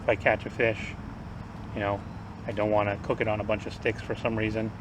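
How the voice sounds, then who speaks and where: A man's voice: on the low side, little pitch movement, a little fast. A man casually rambling through survival gear as a vlogger, offhand, his speech slightly off after having teeth pulled. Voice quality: slightly impaired speech after tooth extraction. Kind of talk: casual product rundown to camera. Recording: distant mic, noisy outdoor ambience.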